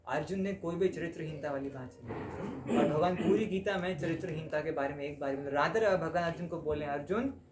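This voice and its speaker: A man's voice: fairly high pitch, a little fast, noisy background. A man teaching a devotional class in a conversational way, often checking in with his listeners in front of a live audience. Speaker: spiritual teacher. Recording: roomy hall with faint ambience.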